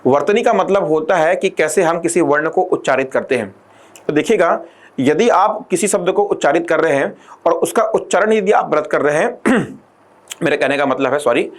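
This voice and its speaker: A slightly high-voiced male teacher gives an exam-prep lecture, repeatedly posing rhetorical questions to the class and slowing down to dictate definitions.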